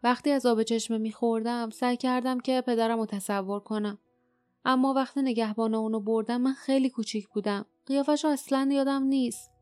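Woman reading a tough young girl, blunt and clipped, pitched a little higher, faint music under it. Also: fairly even intonation, a little mellow, clear, resonant tone, dry recording, lightly acted. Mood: sorrowful.

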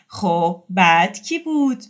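A woman voicing a coarse, bossy woman who mocks bluntly and slowly. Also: fairly low pitch, sing-song, voice pushed up. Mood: mocking, bossy. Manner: blunt, mocking, slow and pointed.

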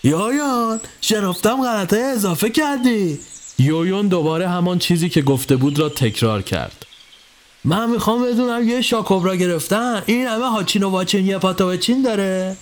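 A man voicing a gruff, bossy master snake catcher who scolds in crude old-fashioned slang. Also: high-pitched, lively intonation, a little hiss or hum, voice pushed up. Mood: grumbling.

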